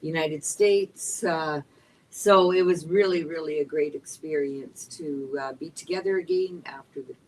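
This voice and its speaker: A woman from Costa Rica chatting as a guest at a roundtable, upbeat and rambling with many pauses. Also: low voice, darkish tone, recorded from a distance, slight background noise, poor audio. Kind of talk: casual roundtable chat. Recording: voice a bit off-mic.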